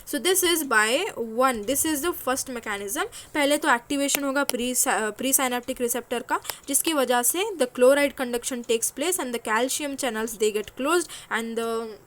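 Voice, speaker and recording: A woman's voice: high-pitched, fast talker, hardly any pauses, a bit bright, slight background noise. A young woman giving a physiology lecture, explaining step by step with frequent fillers and self-corrections.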